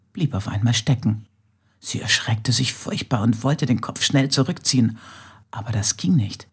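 A woman narrating a children's story in a soft, often half-whispered way. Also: a bass voice, breathy edge.

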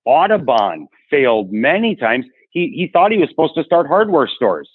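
A man's voice: a little high, very animated, moderate pace, breathy edge, no echo. Encouraging man over a tinny line. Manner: encouraging, preacher-like. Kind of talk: podcast conversation. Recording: tinny phone-line audio.

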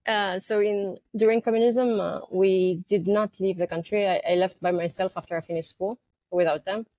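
A Romanian company co-founder appears as a guest in a conversational interview, speaking with a Romanian accent in a thoughtful, hesitant way with many fillers and restarts. Her mid-range voice is steady and darkish at a moderate pace, with no room sound.

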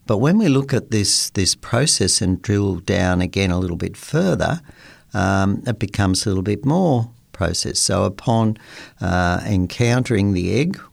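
An older man hosting a science-and-faith program, talking slowly and haltingly with many fillers and restarts. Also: lowish voice, lively intonation, creaky, no room sound. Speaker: radio host. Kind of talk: unscripted talk about science and faith.

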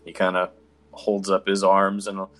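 Low-voiced man narrating as game master. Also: completely flat delivery, moderate pace, fairly bright tone, faint music behind. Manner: easygoing, descriptive with fillers like "kinda".

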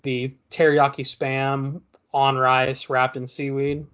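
A man's voice: mid-range voice, completely flat delivery, takes it slowly, fairly bright tone, lo-fi sound. A man chatting casually as a podcast co-host in an easygoing, rambling, hesitant way. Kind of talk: casual chat.

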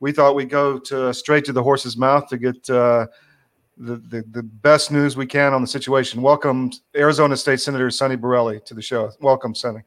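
A man hosting an interview show, speaking casually with halting, filler-heavy phrasing and repeated words. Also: mid-range voice, fairly even intonation. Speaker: host.

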